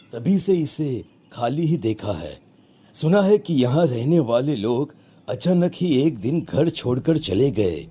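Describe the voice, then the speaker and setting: A man voicing a secretive neighbourhood man in a cartoon, confiding rumours in a hushed way. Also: medium pitch, slight background noise.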